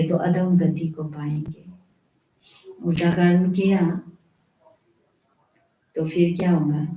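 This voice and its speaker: A woman's voice: fairly low pitch, mellow, echoey room, low-quality recording. A woman spiritual teacher reading and explaining a devotional discourse, preaching with rhetorical questions. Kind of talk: devotional murli reading with commentary.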